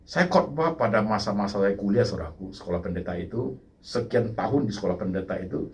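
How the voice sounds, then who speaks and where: An older man preaching a sermon in a lively way, dropping English phrases and often addressing the congregation directly. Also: lowish voice, distant mic. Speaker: pastor.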